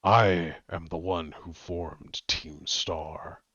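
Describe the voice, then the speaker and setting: A secretive teenage girl boss talks through a disguised deep voice-changer voice, as a man puts her on. The voice sits very low and moves slowly and theatrically. The stream audio is slightly dull and dry, with faint music underneath. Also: fairly even intonation, a bit bright, no echo, full character voice.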